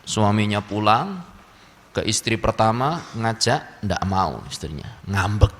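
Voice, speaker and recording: A man's voice: fairly low pitch, lively intonation, unhurried, fairly bright tone, slight background noise. A man giving a religious lecture, telling funny stories and acting out the people in them. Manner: humorous storytelling with acted quotes. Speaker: preacher. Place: mosque hall. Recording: long hall reverb.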